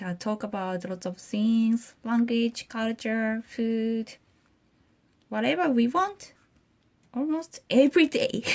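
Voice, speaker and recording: A Japanese woman who speaks English with a Japanese accent as a second language, talking in a shy, halting way in a casual vlog, partly in a convenience store. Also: a little high, a little mellow, no echo. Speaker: guest vlogger.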